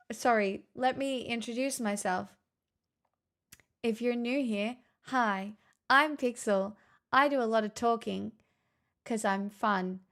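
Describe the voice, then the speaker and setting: Bantering with her viewers in a relaxed stream chat, a woman teases them and mocks herself playfully. Her voice is on the high side with a fairly bright tone.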